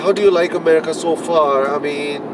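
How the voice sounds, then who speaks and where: A middle-aged man from Pakistan chats with a passenger in a car, curious and talkative, often repeating words. His voice sits a bit high. He is picked up from a distance, with steady road and engine noise around him. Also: a little fast. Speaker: rideshare driver. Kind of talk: casual chat. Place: inside a car.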